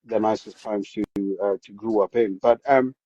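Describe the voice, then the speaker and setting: In a dry recording with the highs cut off, a South African man with a lowish, husky voice recounts his upbringing as a podcast guest. The chat is casual and moderately paced, and he narrates with animation, often repeating himself and restarting sentences.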